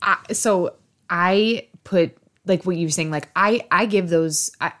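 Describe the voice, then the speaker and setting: A woman in her thirties tells animated stories as a podcast co-host. Her talk is loose and full of fillers, and she jumps into quoted back-and-forth dialogue. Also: on the low side, a little slow, slight background noise. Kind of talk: casual chat.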